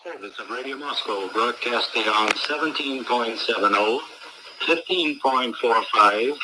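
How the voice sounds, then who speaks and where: Male announcer on an old noisy shortwave recording. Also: mid-range voice. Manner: measured, reads out a list of frequencies. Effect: old shortwave radio recording from the 1980s. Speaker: radio announcer. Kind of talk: formal broadcast announcement.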